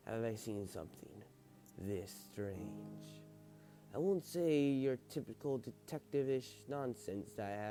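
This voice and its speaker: A man performs a seasoned detective from a game story in a low, grave voice. He goes slowly, pausing between phrases, over music. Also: natural voice. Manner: slow, deliberate, with pauses. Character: grave seasoned male detective recounting a baffling case. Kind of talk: game story read aloud.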